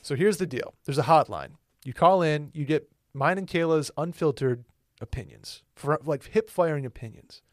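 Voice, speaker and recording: A man's voice: a little high, expressive, normal speed, few pauses, no echo. Rambling man in his twenties, dry studio. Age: 20s. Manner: loose, rambling, self-correcting. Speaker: podcast co-host. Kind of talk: casual podcast chat.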